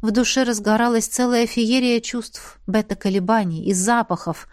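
A woman narrating a novel in the first person, with a measured reading and a hush for whispered lines. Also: fairly high pitch, steady tone, no room sound, clean studio sound. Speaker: audiobook narrator.

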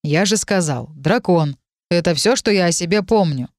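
A woman voicing a calm, curious male dragon who speaks inside the heroine's head, in a matter-of-fact, politely puzzled way. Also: fairly low pitch, moderate pace, no echo, studio quality, close to an everyday voice. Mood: dry curious.

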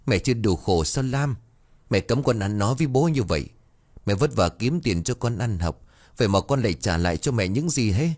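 A man's voice: on the low side, animated, brisk, a little mellow. A man voicing a long-suffering middle-aged mother who pleads and scolds in a storybook reading. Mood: pleading.

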